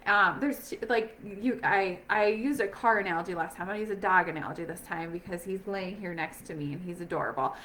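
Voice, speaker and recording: A woman's voice: on the low side, brisk, few pauses, a bit bright, slight background noise. A woman talking casually and upbeat from home as a sales rep, with many fillers and restarts. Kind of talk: casual recruiting chat.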